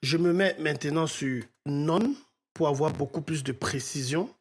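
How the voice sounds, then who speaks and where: A man's voice: a little high, measured pace, husky. Man explaining a mixing tutorial. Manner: step-by-step explaining, often checking in with "ok?". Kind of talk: screen-recorded software tutorial.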